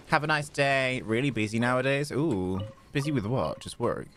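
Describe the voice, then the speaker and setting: With a mid-range, slightly bright voice, a man chats offhandedly with viewers while streaming a video game, his attention drifting back to the play as he reacts to it.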